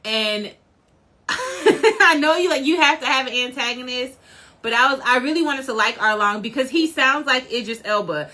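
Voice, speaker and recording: A woman vlogger chats casually in a rambling, animated way and laughs often. Her voice sits a little high and sounds bright and forceful. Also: moderate pace. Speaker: vlogger reviewing a series. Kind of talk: casual chat.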